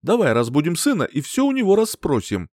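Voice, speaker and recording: A man playing a defensive, fearful partner who mumbles excuses in a raised, anxious voice in a dry, close audiobook read. He tries to placate and backs down fast. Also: on the high side, wildly swooping pitch, a little mellow, no echo, voice pushed up. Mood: cowering. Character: timid, cowed man, the mother's partner. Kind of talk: audiobook character voice.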